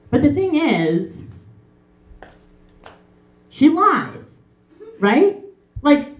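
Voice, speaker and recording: A woman's voice: mid-range voice, dull audio. A young woman performing a comic monologue in a stage musical, chatty and self-mocking, full of fillers. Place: theater stage, live. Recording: roomy stage with faint music.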